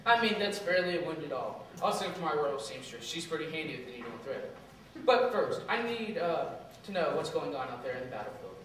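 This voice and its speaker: A man's voice: on the high side, very animated, fairly quick, a bit bright. A man playing a blustering, stingy, oblivious king in a comic stage play for children. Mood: dismissive, brisk. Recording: very echoey hall from far off, faint noise.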